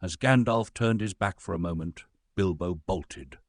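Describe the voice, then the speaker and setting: A man narrating a storybook tale in a lively, dramatic reading. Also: deep voice, a little slow, no room sound, studio quality.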